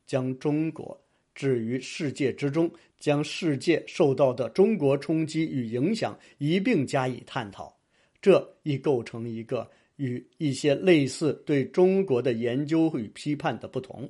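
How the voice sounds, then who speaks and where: A man reads a scripted book review aloud in a formal, even-paced way. His voice is mellow and dark. It has a slightly breathy, husky edge. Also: mid-range voice, measured pace. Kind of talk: scripted narration.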